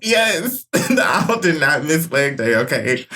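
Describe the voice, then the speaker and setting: Brief: a woman co-host, wildly expressive pitch, slangy storyteller, a little tipsy. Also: takes it slowly. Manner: animated, slangy, laughs often, calls listeners honey. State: tipsy from shots. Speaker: podcast co-host. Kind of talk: casual storytelling chat.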